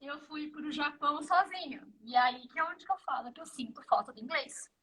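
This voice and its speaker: A Brazilian woman in her fifties with a Brazilian Portuguese accent and a notably high voice. As an interview guest she tells her stories with energy and acts out every exchange herself. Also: moderate pace, a crowd in the background, rough recording. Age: 50s. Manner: animated storyteller who acts out the dialogue. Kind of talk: casual interview chat.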